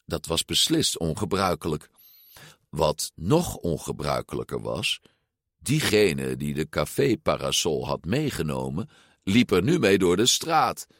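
A man narrating a children's storybook in a lowish voice that ranges widely in pitch, expressive as he acts out each figure. The sound is dry and close, with no room around it. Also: unhurried, dry recording. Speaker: audiobook narrator.

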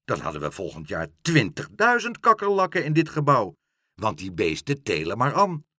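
A man's voice: mid-range voice, wildly swooping pitch, moderate pace, pushed and bright, no echo, clean studio sound, heavily acted. Brief: man doing a self-important porter, dismissive, swinging tone. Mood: pompous. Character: pompous officious male building porter.

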